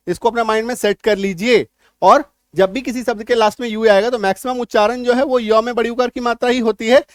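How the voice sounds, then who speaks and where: An English teacher leads a spoken-English lesson on spelling rules, speaking in a high-pitched voice. He repeats each point and asks questions to check that his students understand. The recording is dry and close-miked, with no room sound.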